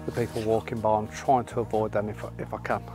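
A middle-aged man with a fairly low voice, chatting about his photography while he stands on an open beach. His talk is casual and keen, and now and then it sinks to a quiet hush. Soft music plays faintly behind him. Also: level tone, fast. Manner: enthusiastic, drifting to soft hushed remarks. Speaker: landscape photographer. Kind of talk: casual vlog narration. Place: open sandy beach outdoors at sunset.

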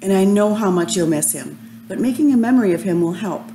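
A woman voicing a gentle mother raccoon. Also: medium pitch, animated, fast talker, noisy background, natural voice. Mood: encouraging. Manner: soft, soothing, patient.

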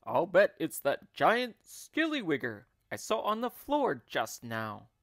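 A man voicing a grumpy, nasty old husband who plays cruel tricks, in a gruff, scornful manner, in a storybook reading. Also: high-pitched, huge pitch swings, takes it slowly, no room sound, studio quality, voice pushed up, heavily acted. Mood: mock innocent.

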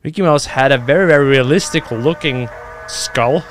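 This YouTube reaction host is a young man with a medium-pitched voice talking at normal speed over soft background music. His commentary is casual, exclamatory and full of swearing, picked up by a boom-arm desk microphone close to him in his home gaming room.

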